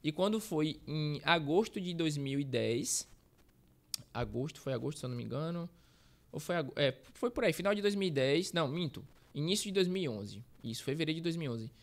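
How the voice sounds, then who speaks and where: A man's voice: on the high side, animated, fairly quick. A man in his thirties from Bahia, Brazil, a guest telling his life story in a casual interview, rambling and correcting himself as he goes. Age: 30s. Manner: rambling, self-correcting, uses slang fillers. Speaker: guest, street reporter.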